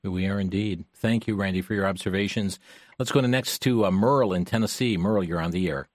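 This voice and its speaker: A man hosting a call-in talk radio show with a smooth radio host delivery, steady and unhurried, with frequent filler pauses as he reads stories and takes listener calls. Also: low voice, no echo, clean studio sound. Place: radio studio. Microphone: studio microphone.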